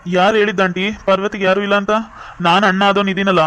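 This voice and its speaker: A man's voice: sits high, little pitch movement, fast talker, bright, forceful tone, faint music behind. A man voicing an affectionate older brother in a cartoon, earnest and reassuring. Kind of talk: cartoon voice acting.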